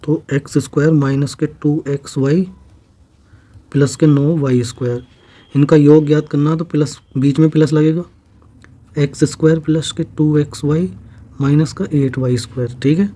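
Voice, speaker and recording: This math teacher, a man with a Hindi-speaking North Indian accent, works through exam math problems step by step in an exam-prep lesson, patiently checking in with his students. His fairly high voice is mellow and steady, delivered at a moderate pace.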